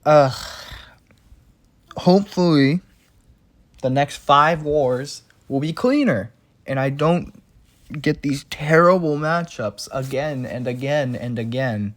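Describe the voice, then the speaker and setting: A man's voice: on the high side, slow. Exasperated man recapping his game fights. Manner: exasperated, rambling play-by-play complaints. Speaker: game channel creator. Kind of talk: gameplay recap voice-over. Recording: clear background noise.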